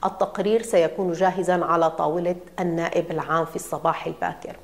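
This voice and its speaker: A woman's voice: fairly low pitch, steady tone, fast, lightly acted. A woman voicing a principled male doctor in a storybook reading, speaking firmly and defiantly. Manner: firm, rising to angry outbursts.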